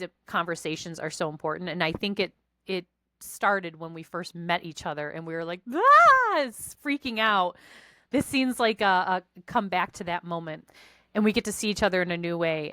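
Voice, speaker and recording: A woman's voice: lowish voice, fairly bright tone, no echo, clean studio sound. A woman co-hosting a casual chat, bubbly and giggly, rambling with many restarts. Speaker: spiritual practitioner and co-host.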